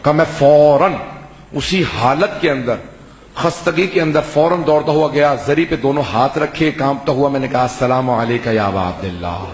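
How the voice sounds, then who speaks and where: A male religious scholar delivering a sermon, telling the story with passion and rising to shouts. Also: a little high, steady tone. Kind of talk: Shia majlis sermon. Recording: roomy hall sound, faint background hiss.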